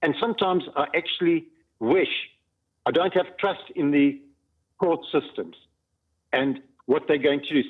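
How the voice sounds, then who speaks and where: A middle-aged man calling a phone-in, speaking emphatically in halting, repetitive phrases, distressed and emotional as he gives personal testimony. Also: on the high side, slightly rough. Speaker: phone-in caller. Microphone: phone call. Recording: tinny narrowband phone line.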